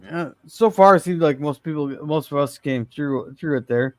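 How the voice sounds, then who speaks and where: A man's voice: a little high, normal speed, no room sound. A man co-hosting a live-streamed classic TV review show, chatting casually with frequent restarts and fillers.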